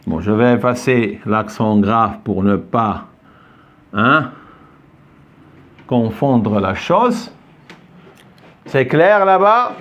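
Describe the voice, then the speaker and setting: A man's voice: medium pitch, lively intonation, very slow, long pauses, fairly bright tone. A man teaching French in a classroom, patiently repeating words and asking often if the students follow. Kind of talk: classroom lesson. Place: classroom with a board.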